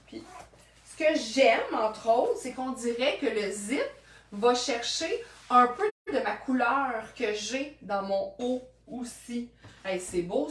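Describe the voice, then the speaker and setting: Trying on secondhand clothes for her vlog, a chatty woman with a Québécois French accent and a high-ish voice jokes to herself in a playful fashion chat. Recorded by a distant camera, the audio is off-mic with roomy echo and a little hiss or hum.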